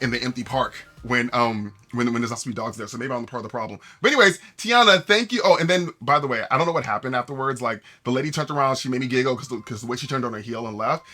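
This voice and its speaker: A man streaming live, chatting casually to viewers and telling a story with lots of restarts and acted-out quotes. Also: medium pitch. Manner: animated storyteller with many restarts and quoted voices.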